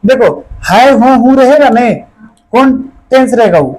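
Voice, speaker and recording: High-voiced man drilling a class. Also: expressive, unhurried, darkish tone, a little hiss or hum, low-quality recording. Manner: quizzes students with constant questions; colloquial, repetitive drilling. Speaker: teacher. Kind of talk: classroom grammar lesson.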